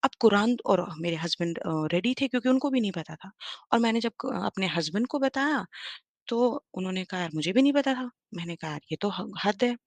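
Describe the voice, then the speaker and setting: Woman in her 30s telling her own story on a live stream, animated, lots of fillers, dry sound. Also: mid-range voice, a little fast, no echo. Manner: animated, mixes English into Hindi, many fillers. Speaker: guest on a live debate stream. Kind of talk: personal testimony, casual storytelling.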